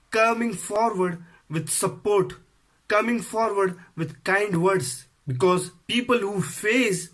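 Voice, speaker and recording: Earnest, higher-voiced man making an appeal. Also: fairly bright tone. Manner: earnest, appeals to others, repetitive phrasing. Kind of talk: earnest video message.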